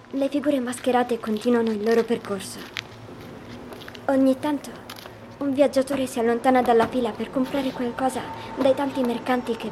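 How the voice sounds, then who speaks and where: A woman voicing a calm high-voiced young girl. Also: background noise, close to an everyday voice. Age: child figure. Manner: calm, hushed storytelling. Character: young girl Nessi, calm dreamer recounting nightmares. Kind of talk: audio drama acting.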